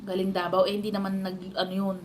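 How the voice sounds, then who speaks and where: Chatty laughing Filipina vlogger. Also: female voice, medium pitch, completely flat delivery, quick pace, darkish tone, slight background noise. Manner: chatty storytelling, laughs often. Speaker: vlogger chatting with live stream viewers. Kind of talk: casual live stream chat.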